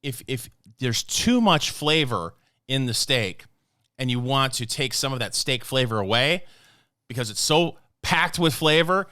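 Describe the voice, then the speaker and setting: Deadpan co-host guy, bright crisp voice, dry close sound. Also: mid-range voice, a little slow, no room sound. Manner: mock-serious deadpan. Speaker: podcast co-host. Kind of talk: casual comedic banter.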